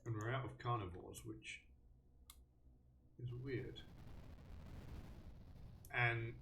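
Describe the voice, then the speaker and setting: A man's voice: mid-range voice, very slow, gravelly, pushed and bright, roomy sound, recorded from a distance, slight background noise. A man hosting a live stream, thinking aloud about a game with many ums and restarts. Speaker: host.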